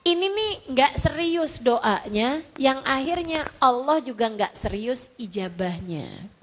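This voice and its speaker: A woman preacher with a high voice delivers a sermon to women. She talks slowly and addresses her listeners directly in a conversational way. She keeps acting out small scenes, including a child's crying and a mother's tearful prayers. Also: animated. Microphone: live-streamed talk.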